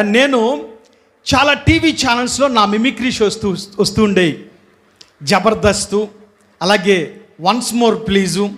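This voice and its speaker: High-voiced man giving a church testimony. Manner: lively, questions the audience often, bursts of hallelujah. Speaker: guest preacher giving testimony. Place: church hall.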